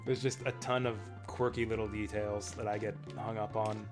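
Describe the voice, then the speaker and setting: A man's voice: lowish voice, level tone, normal speed. A man streaming a game, giving casual, rambling, enthusiastic fan commentary. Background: video game music and dialogue.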